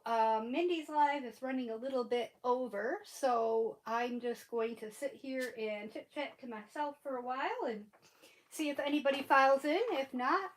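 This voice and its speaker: Hosting a laid-back crafting livestream from home, a woman with a high voice chats and rambles through a stuffy, sniffly head cold, laughing often. The audio is poor, with slight background noise.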